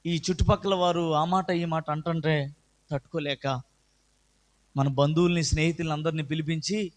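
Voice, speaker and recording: A middle-aged man giving an earnest personal testimony at church, his voice swelling loud and high at moving moments. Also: fairly even intonation, normal speed. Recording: echoey hall with long reverb.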